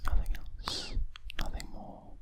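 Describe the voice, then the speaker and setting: Breathy ASMR whisper, very close and slow. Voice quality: breathy, with audible mouth sounds. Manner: slow, unhurried rambling. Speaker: ASMR video creator. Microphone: very close to a studio USB microphone.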